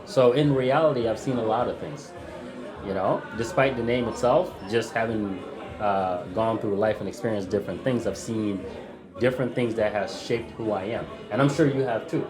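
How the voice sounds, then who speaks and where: Man, 30s, from South Sudan; podcast guest author, relaxed and reflective. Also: on the low side, moderate pace, music in the background. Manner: relaxed, reflective storytelling with fillers. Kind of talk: podcast interview.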